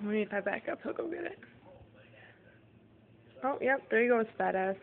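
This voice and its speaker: A woman's voice: a little high, animated, moderate pace, gravelly, phone-quality sound. A woman chatting with her pet parrot, coaxing and teasing it in a sing-song way and swearing casually, recorded on a phone. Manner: coaxing, sing-song repeated goodbyes to a bird. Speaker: pet owner.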